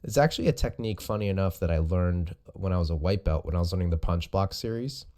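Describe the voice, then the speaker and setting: Deep, mellow-voiced man coaching casually. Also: fast talker. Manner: informal, explanatory. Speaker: host and jiu-jitsu coach. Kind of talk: casual video commentary on recorded sparring.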